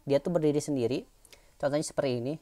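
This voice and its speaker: A woman's voice: deep voice, quick pace, mellow. A woman teacher giving an online lesson, explaining patiently in a chatty way with fillers and tag questions.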